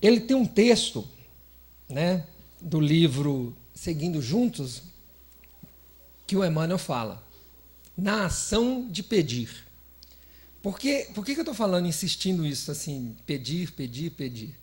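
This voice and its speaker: Playful brazilian guy giving a spiritist talk, high voice, keeps asking the crowd stuff and laughing. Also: big pitch swings, unhurried, long pauses, a little mellow. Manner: chatty and playful, laughs often, asks the audience questions. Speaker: spiritist lecturer. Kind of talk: informal spiritist lecture to an audience. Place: lecture hall of a spiritist center.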